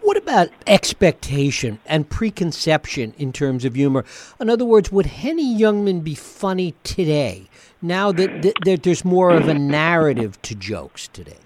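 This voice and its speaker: A man's voice: fairly high pitch, sing-song, normal speed, darkish tone. A man interviewing a guest in a casual chat, asking thoughtful questions. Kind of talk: conversational interview.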